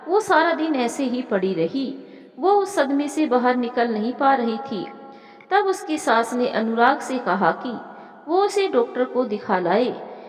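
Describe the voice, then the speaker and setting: Woman storyteller, lively melodic read, fairly high voice, roomy echo. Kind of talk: storytelling narration. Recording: echoey room with long reverb.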